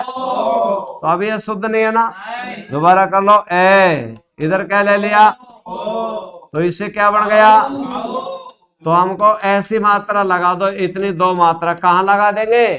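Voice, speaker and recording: A man's voice: sits high, fairly bright tone. A man teaching a class, prompting students with questions in a classroom. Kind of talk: classroom grammar lesson.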